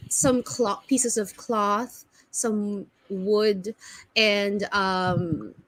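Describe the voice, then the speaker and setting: A woman's voice: mid-range voice, fairly even intonation, drawn-out words, fairly bright tone, dry recording, poor audio. A woman, narrating as dungeon master in a casual, hesitant way with many fillers and self-corrections. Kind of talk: narrating a tabletop game.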